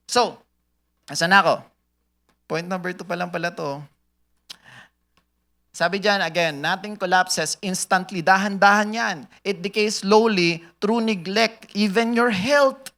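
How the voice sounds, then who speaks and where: Bright-voiced joking preacher man. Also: on the high side. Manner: joking, laughs at own jokes, quizzes the audience; switches between Tagalog and English mid-sentence. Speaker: church speaker at a business talk. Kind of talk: sermon-style talk to a live audience.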